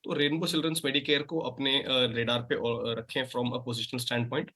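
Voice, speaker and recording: A man, a market analyst guest, recommending trades with frequent pauses and filler sounds. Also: mid-range voice, little pitch movement, bright, forceful tone.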